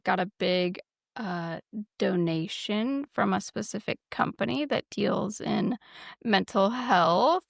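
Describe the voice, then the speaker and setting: A woman's voice: mid-range voice, gravelly, dry recording, studio quality. A woman co-hosting a casual political chat, emphatic and freely profane. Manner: profane, emphatic, repeats words for stress.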